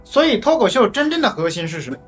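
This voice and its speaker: A man as patronising audition boss, high-pitched, very animated, condescending lecturer. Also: fast, soft background music. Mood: lecturing. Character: bossy, patronising male Chinese talent-audition official.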